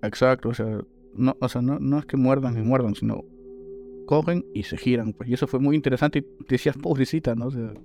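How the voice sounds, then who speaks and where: A man's voice: mid-range voice, fairly quick. Laid-back man chatting about films. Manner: relaxed, rambling, hesitant restarts. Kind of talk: casual film review chat.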